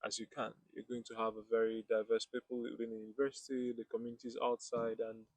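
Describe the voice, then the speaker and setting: A man's voice: mid-range voice, flat delivery, quick pace, dry recording. A man with a Nigerian accent, a master's student answering interview questions fluently.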